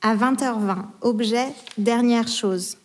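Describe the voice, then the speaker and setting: Woman reading email headers, slightly high. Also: fairly even intonation, slow.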